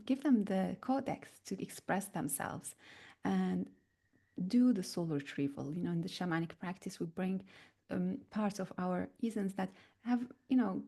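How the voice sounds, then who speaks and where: Mellow-voiced woman from North Africa. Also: lowish voice, creaky. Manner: slow and searching, with many fillers and pauses. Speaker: spiritual teacher. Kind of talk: reflective spiritual talk.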